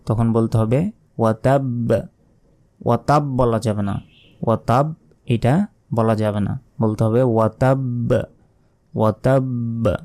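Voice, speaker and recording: A man teaching Quran pronunciation, explaining points patiently and then chanting the verses in long, drawn-out tones. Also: medium pitch, fairly even intonation, dark tone. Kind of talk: tajweed lesson with chanted recitation.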